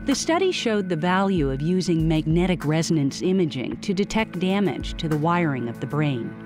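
A woman narrates a science documentary with a lowish voice and lively intonation. Her reading is scripted and clear. Faint music sits underneath. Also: moderate pace.

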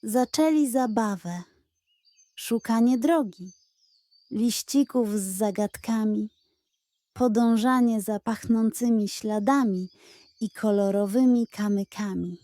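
Reading a children's bedtime story, a woman speaks as a gentle, expressive storyteller with a mellow, fairly high voice. She goes slowly, and the close, dry recording has no echo.

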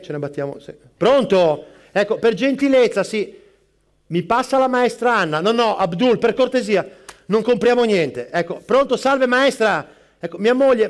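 Male comic as an overwhelmed, foul-mouthed barista; high-ish voice, rapid-fire live stage delivery. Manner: rapid-fire, juggling customers and calls, snapping asides. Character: frazzled middle-aged male barista, harried and foul-mouthed. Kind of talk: live stand-up character sketch.

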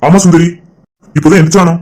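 A calm, plain-spoken cartoon father, voiced by a woman with a lowered voice. He gives quick, matter-of-fact answers. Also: natural voice.

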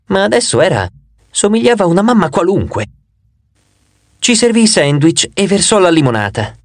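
A man narrating a fantasy audiobook in an expressive, vivid storytelling manner. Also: sits high, moderate pace, dry recording. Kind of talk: scripted narration.

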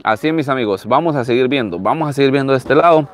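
Man, thirties, Latin American Spanish accent. Casual live-stream host, chatty and repetitive, mid-pitched, recorded outdoors on a handheld phone. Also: fast. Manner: chatty, repeats phrases. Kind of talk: casual live vlog commentary, showing used cars. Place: outdoors in an open car lot. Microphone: handheld phone at arm's length.

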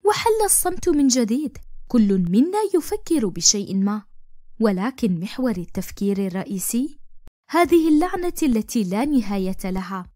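A woman reading a first-person suspense story aloud, steady and clear. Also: a little high, normal speed, dry recording, clean studio sound. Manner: steady storytelling with spoken dialogue. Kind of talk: scripted narration.

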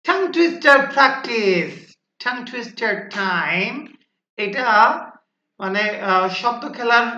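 A woman teaching phonics in a classroom style, explaining slowly and repeating rules with fillers. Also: mid-range voice, pushed and bright. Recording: dull lo-fi sound in an echoey room.

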